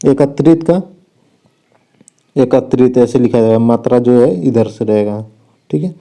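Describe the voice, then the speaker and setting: A man's voice: medium pitch, unhurried, dark tone. A man working through spelling and sentence corrections for exam students, saying "theek hai" after each point. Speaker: exam coach. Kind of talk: spelling lesson walkthrough.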